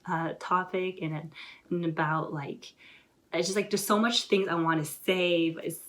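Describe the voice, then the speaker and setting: Rambling, excited young woman vlogger. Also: lowish voice, a little slow. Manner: rambling, excited, heavy use of filler words. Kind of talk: casual motivational talk to camera.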